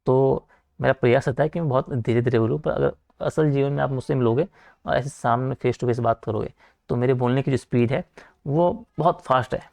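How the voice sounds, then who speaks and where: Gravelly young male coaching teacher. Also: mid-range voice, a little mellow, highs cut off. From Uttarakhand, India. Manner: talks fast, repeats filler like "theek hai" and "aapka". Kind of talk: online lecture, informal asides to students.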